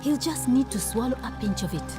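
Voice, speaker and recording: Casting: actress as an earnest game villager, lively pitch, music playing underneath. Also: female voice, brisk, natural voice. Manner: polite, earnest pleading. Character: anxious helpful woman seeking aid.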